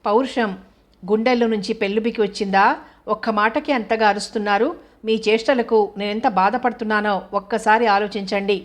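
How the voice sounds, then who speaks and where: A woman's voice: medium pitch, fairly even intonation, fairly quick, lightly acted. A woman voicing an angry, hurt young wife who accuses her husband with bitter sarcasm. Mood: bitter, reproachful.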